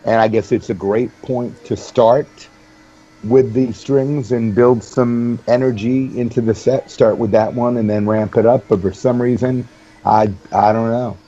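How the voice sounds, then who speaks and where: A man co-hosting a casual music podcast, talking in a thoughtful, measured, somewhat hesitant way. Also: medium pitch, steady tone, mellow. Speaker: podcast co-host. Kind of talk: casual chat. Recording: dull lo-fi audio.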